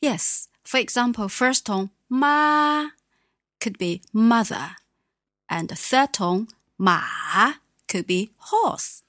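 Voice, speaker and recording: A woman teaching Mandarin tones, explaining patiently and modelling each word clearly. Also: mid-range voice, lively intonation, slow pace, no echo, studio quality. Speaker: language teacher. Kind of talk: language lesson.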